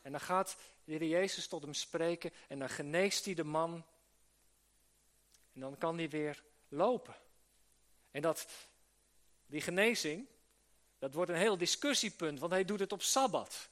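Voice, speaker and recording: Earnest high-voiced preacher. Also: male voice, expressive, measured pace, pauses often, a bit bright. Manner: earnest, with restarts and rhetorical questions. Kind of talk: sermon to church workers. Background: live audience he addresses.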